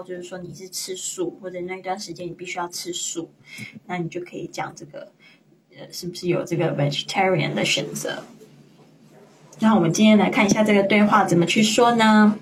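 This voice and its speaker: A woman teaching English online, explaining vocabulary with gentle reminders to the class. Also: fairly low pitch, far from the mic, slight background noise, poor audio. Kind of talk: online language lesson.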